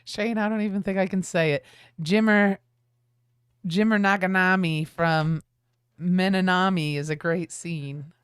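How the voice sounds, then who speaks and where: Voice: medium pitch, fairly even intonation, unhurried, fairly bright tone, smooth, no echo, clean studio sound. A co-host in a casual livestream chat, easygoing and reading viewer comments aloud.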